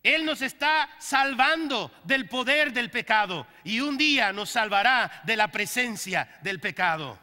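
A male pastor preaching a sermon to his congregation, leading call-and-response and breaking into loud bursts. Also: very high-pitched, expressive, measured pace, hardly any pauses, long reverb tail.

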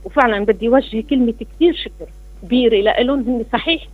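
A woman's voice: on the high side, fast talker, no room sound. Woman on a tinny phone line. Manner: effusive, thanks everyone at length. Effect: heard over a phone line. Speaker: caller. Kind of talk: radio call-in.

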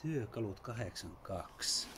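Urban explorer, male, low voice, murmured walkthrough commentary, noisy action-cam recording. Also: lively intonation, a bit bright. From Finland. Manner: low-key, terse remarks while exploring. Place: abandoned farmhouse and woods.

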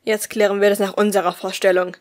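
A woman's voice: medium pitch, level tone, quick pace, lightly acted. A woman reading an audiobook and giving firm, sneering lines to a cold, mocking male captor, close to her own voice.

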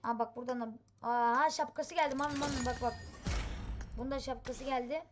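A woman hosting a gaming channel, giving excited, impatient commentary on a mobile game. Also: high-pitched, brisk. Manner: excitable, impatient, chatty exclamations. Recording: steady background noise.

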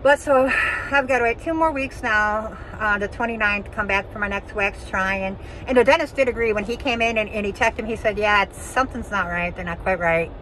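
A woman's voice: medium pitch, brisk, hardly any pauses, sharp tone, poor audio. Woman in her 50s, speaking through a face mask, rambling vlog chat, phone mic outdoors with faint traffic. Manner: chatty, rambling, frank. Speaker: vlogger. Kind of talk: casual vlog update.

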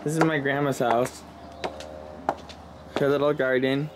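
A man's voice: medium pitch, flat delivery, measured pace, noisy background. A young man in his twenties, joking around on a casual vlog. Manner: playful, joking. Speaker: family member. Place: outdoors and family home.

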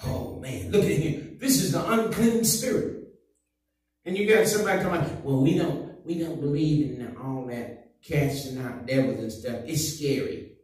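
A middle-aged man preaching a fervent sermon with call-and-response, his voice swelling into loud surges. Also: on the high side, moderate pace. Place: small church room, indoors. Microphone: headset mic. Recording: echoey room, heard from a distance.

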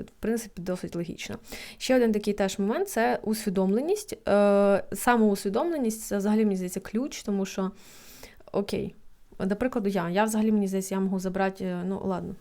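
A young woman giving casual psychology advice, chatty, with lots of fillers and quick laughs. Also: medium pitch, dark tone. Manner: quick, chatty, many fillers and laughs, acts out inner thoughts. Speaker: psychologist in training. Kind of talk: casual advice talk to camera.

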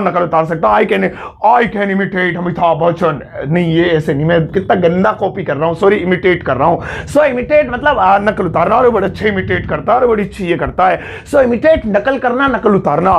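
Young male tutor, high-pitched and gravelly, jokey and casual, drills each word slowly. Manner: playful, joking asides, repeats key words slowly. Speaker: English teacher. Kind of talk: casual Hindi vocabulary lesson.

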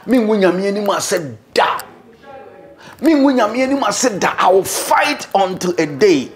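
A middle-aged Ghanaian man, a bishop, talking as an interview guest in a room, mixing English and Twi, animated and preacherly. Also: sits high, a little slow. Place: indoor living room, seated on sofa.

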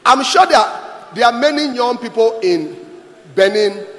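A middle-aged man preaching emphatically in a large church hall on a handheld mic, pausing for an interpreter. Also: very high voice, expressive, fairly bright tone. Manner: emphatic, repeats lines for the interpreter. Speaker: pastor. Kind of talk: sermon with interpreter. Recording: echoey hall with long reverb.

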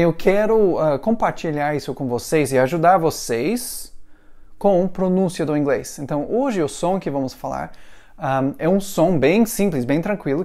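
A man's voice: fairly high pitch, darkish tone. A man whose first language is English, teaching pronunciation in a patient, repetitive lesson. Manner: patient, repeats words for drilling.

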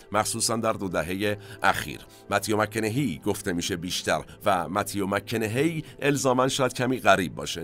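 A man's voice: fairly low pitch, fairly bright tone. A man hosting a cinema history podcast, telling stories in a conversational way with asides to his listeners. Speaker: podcast host.

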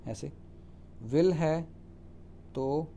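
Hindi-speaking male spelling teacher, mellow voice. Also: on the high side, slight background noise. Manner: spells words out letter by letter and checks with "ठीक है?"; reads English rules aloud slowly, then explains them in Hindi. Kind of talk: Hindi lecture on English spelling rules.

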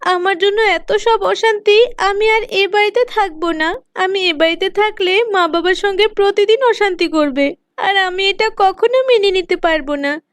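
A woman voicing a gentle, mistreated teenage girl in a cartoon, pleading and tearful. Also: extremely high pitch, moderate pace, no echo, studio quality, voice pushed up. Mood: sad, resigned. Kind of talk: cartoon voice acting.

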